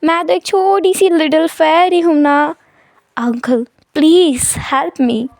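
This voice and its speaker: A dramatic little girl whines and shows off in a very high, piping voice, put on by a woman narrator. Her lines swing between sass and pleading. The sound is dry and close. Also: fairly even intonation, slow pace, vocal fry, darkish tone, no room sound, heavily acted. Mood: whiny. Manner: whiny, theatrical, mixes English lines.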